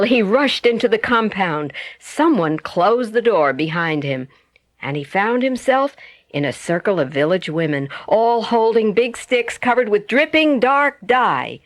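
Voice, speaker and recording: A female storyteller narrates a children's bedtime story with expressive, dramatic, carefully phrased delivery. Her voice is lowish, there's no echo, and music plays in the background.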